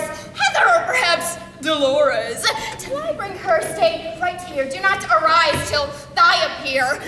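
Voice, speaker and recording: A woman's voice: extremely high pitch, background noise. A woman voicing Puck, a mischievous male sprite who speaks in theatrical rhyming verse and giggles. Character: mischievous male woodland sprite, impish trickster. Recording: echoey hall from far off. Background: music and crowd.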